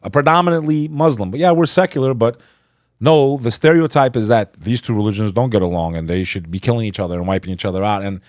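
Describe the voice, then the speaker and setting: A man's voice: on the low side, quick pace, no room sound, studio quality. A man from Texas, a podcast guest talking earnestly and lecturing on history in casual conversation.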